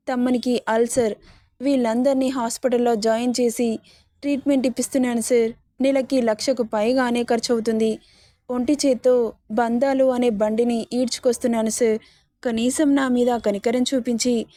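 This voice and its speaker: A woman's voice: fairly high pitch, warm tone, dry recording, studio quality, lightly acted. A woman voicing a bold, cheeky young woman who teases and fakes tearful pleading. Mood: mock pleading. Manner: teasing and sassy, mock-tearful pleading.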